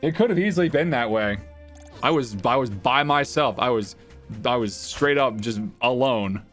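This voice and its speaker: A man who works as a streamer and voice actor, chatting excitably to viewers on a livestream and often repeating his phrases. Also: mid-range voice, moderate pace, faint music behind.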